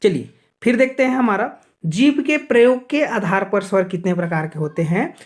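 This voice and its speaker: A man teaching an exam-prep grammar lesson. He keeps asking and answering his own questions, checks in often with "okay", and slows down to spell out sounds one by one. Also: sits high, animated. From Chhattisgarh, India.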